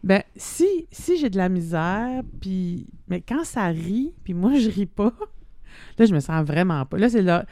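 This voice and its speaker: A woman's voice: mid-range voice, animated, a little slow, mellow, no room sound, studio quality. A middle-aged woman with a Québécois accent, chatting casually with fillers and repeated words. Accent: Québécois French. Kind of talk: casual chat.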